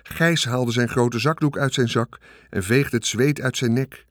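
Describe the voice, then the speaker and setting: A man narrating a children's book in a calm, measured storytelling voice. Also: medium pitch, no echo, clean studio sound. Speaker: audiobook narrator. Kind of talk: scripted narration.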